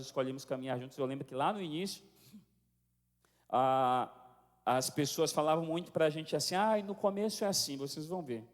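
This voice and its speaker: A man with a Brazilian Portuguese accent preaching a sermon as pastor, telling family stories in a conversational way and often tagging sentences with a question. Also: mid-range voice. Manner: conversational storytelling with frequent tag questions. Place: church sanctuary. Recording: long hall reverb.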